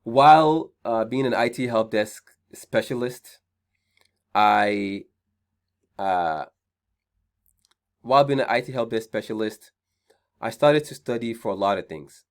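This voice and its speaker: With a mid-range, smooth, expressive voice, this Nigerian-accented seminar host keeps a measured pace and pauses often. His online career talk is chatty, circling back to key points and punctuated by frequent "right?" check-ins.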